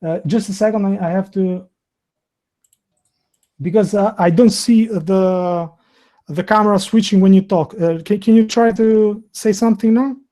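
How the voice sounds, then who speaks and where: In a live online video interview, the host, a native Albanian-speaking man from Albania in his thirties, speaks with an Albanian accent. He hesitates a lot, with many fillers and restarts, and his high-sitting voice has a warm tone.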